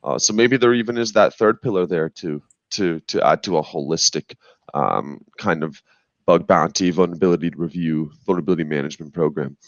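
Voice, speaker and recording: Male panelist, fairly low and dry, halting analytical talk, slightly muffled sound. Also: no room sound. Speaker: podcast panelist. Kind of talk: casual analytical discussion.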